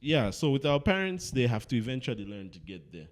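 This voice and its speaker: A man's voice: mid-range voice, sing-song, fairly quick. A man hosting a casual podcast discussion, reflective and making points with little stories. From Zambia. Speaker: podcast host.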